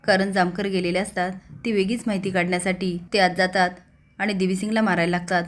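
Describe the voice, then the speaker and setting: A woman's voice: mid-range voice, flat delivery, quick pace. A woman narrating a recap of a television serial episode, reading the characters' lines with slightly raised force.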